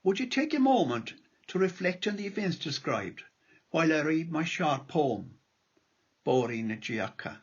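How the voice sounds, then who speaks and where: Husky Irish man, animated pitch. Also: normal speed, highs cut off. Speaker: local history speaker. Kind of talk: prepared lecture read aloud.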